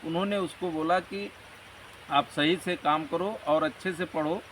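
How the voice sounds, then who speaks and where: Interviewed in a conversational setting, a man talks earnestly and motivationally, rambling on at length. His fairly high, slightly bright voice keeps a measured pace and fairly even intonation, picked up by a distant mic with faint background noise.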